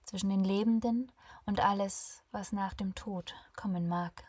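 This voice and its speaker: A woman voicing a calm female ferryman between life and death, warm and friendly with a sarcastic bite, in a breathy voice. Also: mid-range voice, a little slow, no echo. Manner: warm, friendly, softly teasing.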